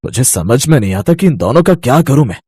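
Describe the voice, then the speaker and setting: A man voicing a stern, worried young brother who runs the household, with a husky voice, in a cartoon. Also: mid-range voice, sing-song, quick pace, a little mellow, no echo, studio quality.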